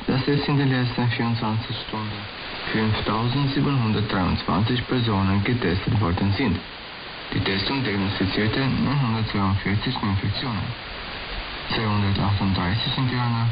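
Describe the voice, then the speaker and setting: A man reading a formal news bulletin in a steady manner, heard as a shortwave AM radio broadcast. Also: on the low side. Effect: heard over shortwave AM radio. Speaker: newsreader. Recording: hissy, muffled shortwave radio reception.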